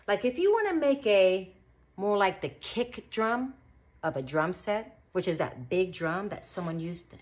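A woman teaching children beatboxing in an animated, encouraging way, full of praise. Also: mid-range voice, unhurried. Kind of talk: children's tutorial.

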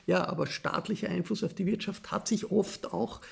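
A man with an Austrian accent interviewing a politician, halting and searching for his words. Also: high-pitched, fairly even intonation, vocal fry, breathy edge. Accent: Austrian German. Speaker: interviewer, journalist.

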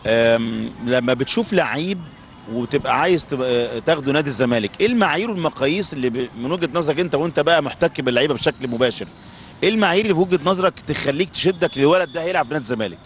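Rapid Egyptian talk-show host. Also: male voice, a little high, lively intonation, slight background noise. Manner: brisk, restates and prompts guests. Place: outdoor football pitch at night. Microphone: handheld mic.

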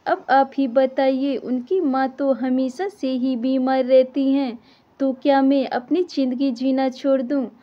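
A woman's voice: sits high, fairly even intonation, a little slow, muffled recording. A woman voicing a spoilt young married woman who complains with self-pity. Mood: aggrieved.

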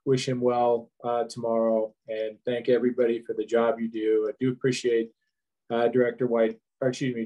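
A man's voice: medium pitch, dark tone, poor audio. A man on the board giving casual remarks at a meeting, with some fillers. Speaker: board director.

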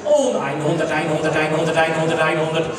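A male auctioneer chants numbers over and over, pressing for the next bid. His voice is high and comes from far off through heavy hall echo, with a loud crowd around. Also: normal speed. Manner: insistent, repetitive bid calling. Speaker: auctioneer at a cattle sale. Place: large indoor auction hall, recorded from audience. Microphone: distant camera picking up PA.

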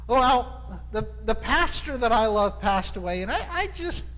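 A man preaching a sermon as pastor, halting and restarting often, repeating his words, into a clip-on mic. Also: high voice, sing-song, fairly bright tone, long reverb tail, poor audio. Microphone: clip-on microphone.

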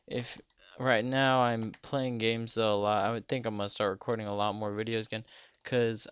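A man's voice: lowish voice, little pitch movement, normal speed, fairly bright tone, smooth, no room sound. A young man casually commenting on a game he is playing, rambling and joking with lots of fillers. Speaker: gaming YouTuber.

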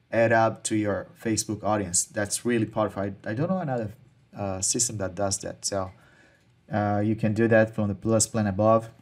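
Speaking with a fairly low pitch, this man guides viewers through software features as a marketing tutorial host in a screen-share walkthrough. He comes from Brazil and Portuguese is his first language. His style is casual, full of repeated words, restarts and non-native phrasing.

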